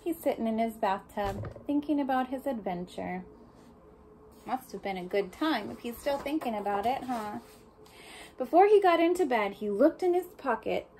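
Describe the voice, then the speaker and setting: Speaking as though to small children, a high-voiced woman reads a picture book aloud with lively expression, adding asides and questions for her listeners. A little hiss or hum runs underneath.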